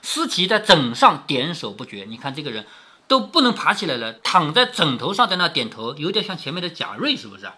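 Male narrator-commentator, reads to his child, explains as he goes. Bright, lively tone. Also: a little high, fairly quick, breathy edge. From southern Jiangsu, China. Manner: explanatory, chatty asides. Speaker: father reading a novel aloud to his daughter. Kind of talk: storytelling with commentary.

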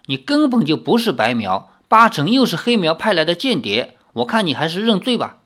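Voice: medium pitch, moderate pace. A narrator doing a teasing young chief's daughter. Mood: cool. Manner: calm, mocking, confident. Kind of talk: audiobook character voice.

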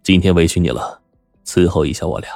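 A man voicing a stern, weary male prefect who speaks slowly, low and heavy. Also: gravelly, darkish tone, dry recording, clean studio sound, faint music behind. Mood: grave.

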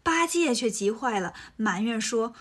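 A woman narrating a children's story in a lively, colloquial way. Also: fairly high pitch, measured pace, breathy edge.

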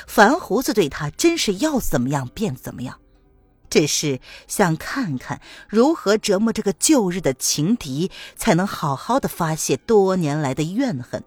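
A woman reads a martial-arts novel aloud with lively, expressive pitch movement. Her voice is close and dry, and faint music plays underneath. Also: breathy edge, no echo. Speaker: audiobook narrator.

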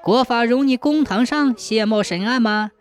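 A woman doing a cocky, quick-witted scholar. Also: fairly high pitch, expressive, faint music behind, lightly acted. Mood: self-assured. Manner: self-assured and sharp-tongued. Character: bold, quick-witted young male scholar.

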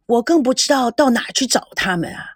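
A woman voicing an old male war veteran who longs to be buried in his homeland, pleading slowly. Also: a little high, animated, husky, no room sound, studio quality. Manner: slow, pleading, drawn-out sentence endings.

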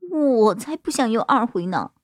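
A woman storyteller voicing a timid, frightened young woman who speaks softly and hesitantly, pleading. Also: on the high side, animated, normal speed, dry recording, clean studio sound, close to an everyday voice.

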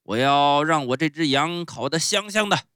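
A man voicing a gruff, bearded puppet-show master who blusters loudly but has a soft heart and keeps sneezing. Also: sing-song, measured pace, no echo, clean studio sound, heavily acted. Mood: stern. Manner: loud booming scolding with stuttering sneezes.

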